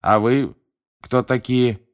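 A man voicing a curious, plain-spoken campsite keeper who talks slowly and thoughtfully, in an audiobook reading. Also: medium pitch, steady tone, clear, resonant tone, pitched above the performer's own voice, natural voice. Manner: slow, unhurried, musing.

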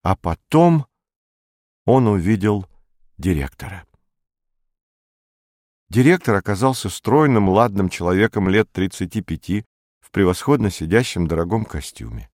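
A man narrating a story as an audiobook in an even, measured manner. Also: low voice, dry recording, studio quality.

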